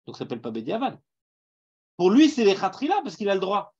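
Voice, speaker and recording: A man's voice: sits high, wildly swooping pitch, a little fast, darkish tone, husky, highs cut off. A man with a Parisian accent teaching a Talmud class, putting questions to his students and mixing in Hebrew terms. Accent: Parisian French.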